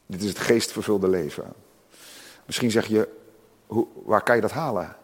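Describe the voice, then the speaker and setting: Impassioned preacher in a reverberant hall. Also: male voice, moderate pace, husky. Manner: impassioned, swells loud and high on emphasis. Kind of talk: sermon. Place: church. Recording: long reverb of a church hall.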